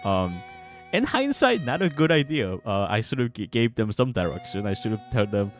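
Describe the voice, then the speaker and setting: With guitar music in the background, a game developer talks casually on his livestream and occasionally reads narration aloud. He stammers and repeats words, speaking in a lowish, sing-song voice at a moderate pace.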